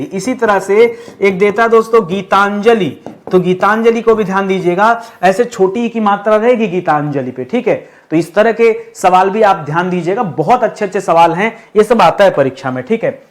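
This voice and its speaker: A man teaching Hindi spelling in an online exam-prep lesson, often asking the class rhetorical questions and saying words slowly to spell them out. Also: high voice. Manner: repetitive quizzing with rhetorical questions, addresses viewers as friends.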